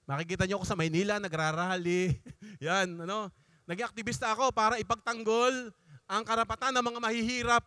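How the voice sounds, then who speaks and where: A man's voice: high-pitched, fairly even intonation, fairly quick, bright, forceful tone, no room sound, clean studio sound. A middle-aged priest giving a conversational talk to a youth gathering, switching between Tagalog and English with frequent asides. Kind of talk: sermon-style talk at a youth congress.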